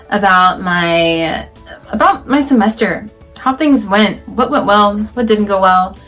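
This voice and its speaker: A woman's voice: medium pitch, poor audio. Young woman, Southern US accent, casual vlog recap, chatty and upbeat, faint music behind. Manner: chatty, upbeat, with filler words. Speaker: vlogger and doctoral student.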